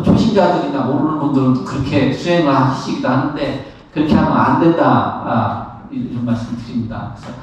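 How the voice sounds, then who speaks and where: A middle-aged man, a Buddhist monk, giving a lively spoken lesson on meditation, laughing often and acting out how he counts his breaths. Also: fairly high pitch, muffled recording. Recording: echoey room, somewhat far from the mic.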